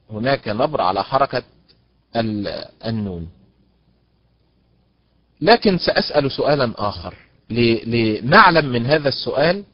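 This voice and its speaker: A man's voice: medium pitch, dry recording. Male recitation teacher, patient, drawls out examples, dry dull lo-fi sound. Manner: explains patiently, drawing out example words slowly; praises students by name as they answer. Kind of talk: online lecture on Quranic stress rules. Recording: dull, dry lo-fi online lecture audio.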